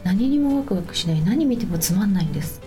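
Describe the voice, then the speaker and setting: A woman of medium pitch hosts a conversation with music behind her. She talks politely and conversationally, as an interviewer does with a guest. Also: animated, quick pace, mellow. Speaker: host.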